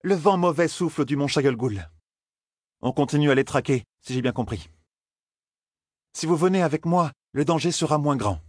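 A man's voice: a little high, expressive, darkish tone, dry recording, clean studio sound, voice pushed up. A man reading an audiobook, voicing a haughty, cold, condescending woman of authority in a raised voice. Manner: measured, condescending. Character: haughty cold female Aes Sedai, condescending.

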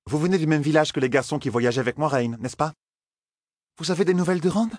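A man narrates an audiobook, raising his natural voice to a higher pitch to play an eager, impulsive young woman who is a novice. His pace is quick, and the studio-quality recording has no room sound.

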